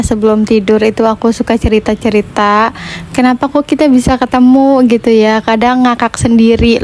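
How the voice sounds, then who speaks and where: A chatty young woman in her late twenties speaks with a voice that sits a little high. She talks casually and conversationally, like a vlogger telling her own story to her viewers. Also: darkish tone. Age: late 20s. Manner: chatty, conversational, with frequent fillers. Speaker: vlogger and housewife.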